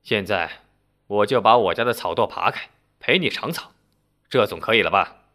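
A man's voice: on the low side, lively intonation, normal speed, sharp tone. A man storyteller voicing a cautious, anxious middle-aged village man who hesitates and trails off. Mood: pleading.

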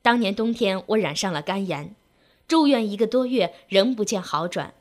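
A woman's voice: medium pitch, moderate pace. A woman reading a sentimental story aloud in an emotive storytelling manner.

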